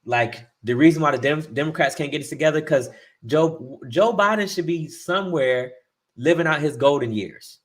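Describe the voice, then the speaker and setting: A man's voice: a little high, moderate pace. Opinionated male podcast co-host. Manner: opinionated, speeds up when ranting. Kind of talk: casual opinion chat.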